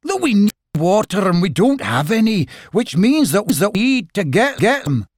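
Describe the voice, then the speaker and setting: A man's voice: sits high, very animated, normal speed, no echo, studio quality, voice pushed up. A man voicing an anxious, fussy male rabbit with a raised, eager, fretful delivery.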